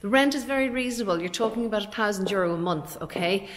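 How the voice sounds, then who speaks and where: A medium-pitched woman's voice at a quick pace: an Irish estate agent in her forties chatting through an informal walkthrough. She explains the property as she walks its large, bare rooms, an empty commercial unit.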